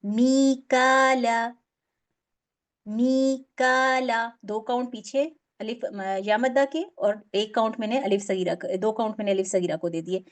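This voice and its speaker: A woman's voice: medium pitch, normal speed, hardly any pauses, a little mellow. A woman teaching a recitation class, explaining patiently step by step and drawing out example words.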